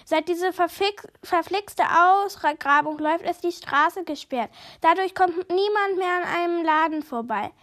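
A woman voices a grumbling male shopkeeper in an audiobook. He complains in a raised, high voice. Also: measured pace, few pauses, fairly bright tone.

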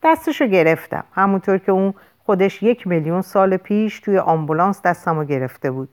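A woman reading a first-person audiobook with an expressive, dramatic delivery. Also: medium pitch. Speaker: audiobook narrator.

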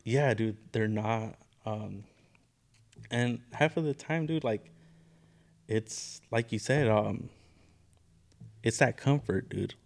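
The same kind of casual podcast chat comes from a young man working with mental health clients, who curses a lot and throws in "dude" and "bro" nonstop. His voice is on the low side and creaky, moving slowly with long pauses.

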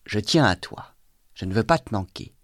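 A man's voice: lowish voice, expressive, moderate pace, fairly bright tone, no echo, studio quality. A man reading aloud, voicing a bitter young intellectual who talks in a feverish, exalted monologue.

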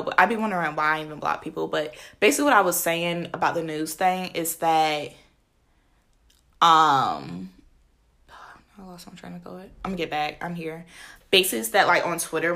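A woman's voice: sits low, expressive, brisk, creaky, sharp tone. A woman co-hosting a casual chat, rambling with many fillers and sometimes losing her thread.

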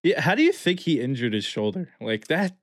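A man's voice: a little high, very animated, fairly quick. A man co-hosting a casual podcast, laid-back, chuckling and tossing in joking asides. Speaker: podcast co-host. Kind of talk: casual chat about fighting.

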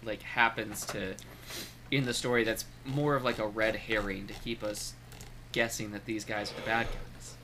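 A man's voice: fairly low pitch, level tone, moderate pace, noisy background. A man co-hosting a comics podcast, speaking hesitantly with many restarts. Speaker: podcast co-host. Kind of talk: casual comic book discussion.

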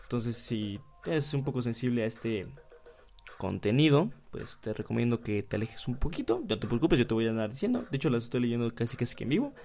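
A man's voice: mid-range voice, big pitch swings, fairly quick, darkish tone, soft background music. A young man with a Mexican accent, hosting casually, reading out listener stories and joking in slang. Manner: slangy, joking, laughs often. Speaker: podcast host.

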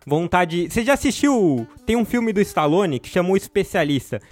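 A man's voice: high-pitched, lively intonation, moderate pace, soft background music. A man with a Brazilian accent co-hosting a casual podcast chat, joking and ranting with a lot of swearing. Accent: Brazilian Portuguese. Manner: joking, swears freely, exaggerated rants. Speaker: podcast co-host.

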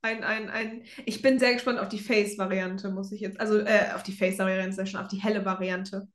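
This young woman co-hosts a podcast, talking a little fast in a mid-range voice with flat delivery, chatting casually as a fan and peppering her German with English words. The recording sounds roomy and echoey.

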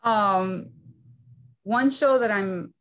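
A woman's voice: medium pitch, extremely slow, fairly bright tone. A young woman from the Northeastern US, chatting and giggling as a podcast guest, saying "like" often. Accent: Northeastern American. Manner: giggly, talkative, uses "like" a lot. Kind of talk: casual interview chat.

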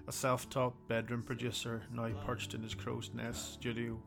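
A man reading a scripted music profile in an even, measured way. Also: medium pitch. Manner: gravelly, flat, even delivery. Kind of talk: scripted narration. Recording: voice over guitar music.

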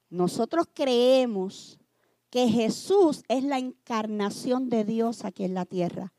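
High-voiced woman preaching with emphasis. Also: no echo. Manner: emphatic preaching with repeated refrains; swings between loud declarations and hushed lines. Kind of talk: sermon. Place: church.

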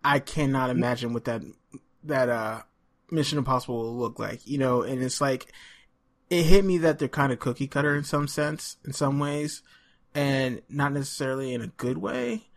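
A man's voice: mid-range voice, moderate pace, creaky. Host, male, mid voice, casual and rambling, lots of ums. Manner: rambling, hesitant, many fillers. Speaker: podcast host. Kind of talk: casual podcast chat.

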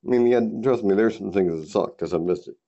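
A man's voice: deep voice, a little fast, gravelly, warm tone, muffled recording. A man hosting a casual solo podcast from his garage, rambling loosely with lots of fillers and casual swearing. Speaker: podcast host. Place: home garage.

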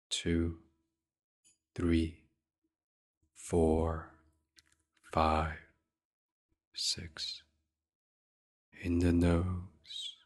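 A meditation podcast host with a low voice guides listeners toward sleep in a soft, breathy near-whisper. He's extremely unhurried, flat and even, leaving long gentle pauses in ASMR meditation style.

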